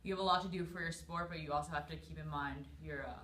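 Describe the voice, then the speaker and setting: A woman's voice: low-pitched, fairly even intonation, fast, background noise. A young adult woman giving casual interview answers as a student athlete. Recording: echoey room.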